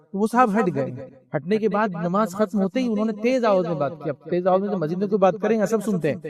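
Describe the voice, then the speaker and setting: A man preaching in a high, light voice, talking things through with rhetorical questions and stories from his own life. A crowd can be heard behind him. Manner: explains with rhetorical questions and anecdotes. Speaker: Islamic preacher. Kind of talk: conversational sermon.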